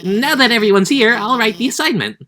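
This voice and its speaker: A woman's voice: fairly high pitch, animated, brisk, a bit bright, a little hiss or hum, voice pushed up. A woman voicing a nervous female lizard teacher who stammers timidly.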